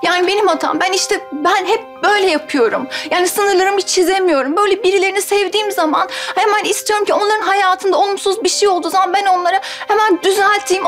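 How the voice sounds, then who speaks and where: A self-pitying schemer. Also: female voice, very high-pitched, fast talker, few pauses, music in the background. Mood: plaintive. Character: Tutku, scheming young woman playing the victim. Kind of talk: TV sitcom acting.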